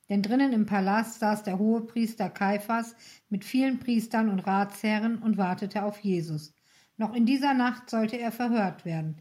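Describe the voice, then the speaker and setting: Lady reading a kids bible story out loud, clear and even, slightly high voice.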